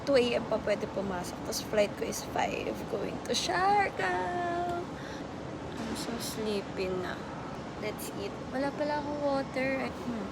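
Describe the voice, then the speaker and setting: A woman's voice: sits high, animated, measured pace. A young woman with a Filipino accent, chatting casually into her phone while vlogging, switching between Tagalog and English. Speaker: travel vlogger. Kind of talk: casual vlog chat. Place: airport terminal. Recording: loud airport background noise. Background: airport crowd noise.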